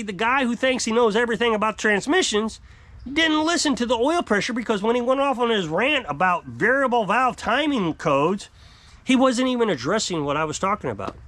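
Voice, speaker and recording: Fifties male vlogger, high lively voice, exasperated rant straight to camera, outdoor porch. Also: no echo. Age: 50s. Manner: exasperated, emphatic, gesturing widely. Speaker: off-grid homestead vlogger. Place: outdoor covered porch by woods.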